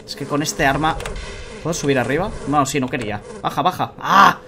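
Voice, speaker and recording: A man's voice: a little high, brisk. A man in his thirties with an accent from Spain, giving casual, colloquial commentary while gaming, muttering to himself and viewers. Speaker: let's play host. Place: indoor room at a computer, webcam view. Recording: noisy game sound behind voice.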